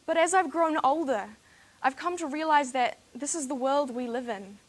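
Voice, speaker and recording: A high voice at a moderate pace belongs to a teenage woman from New Zealand competing with a formal speech. She speaks with a New Zealand accent and rhetorical, dramatic emphasis.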